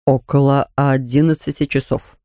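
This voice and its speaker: A reader voicing a nervous male lawyer who speaks low and hesitantly. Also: level tone, moderate pace, mellow, no echo, clean studio sound, lightly acted. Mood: flustered.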